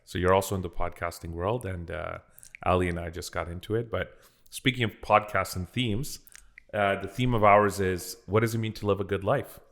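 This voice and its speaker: A man with a very low voice, co-hosting a casual podcast interview. He speaks in a halting way, with frequent hesitations. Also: a bit bright. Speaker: podcast co-host.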